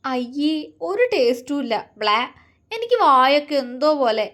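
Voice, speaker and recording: A woman's voice: sits high, expressive, measured pace, voice pushed up. A woman voicing a pouty, anxious young woman who whines and pleads with her lover. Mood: whiny disgust. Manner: whiny, pleading, sulky.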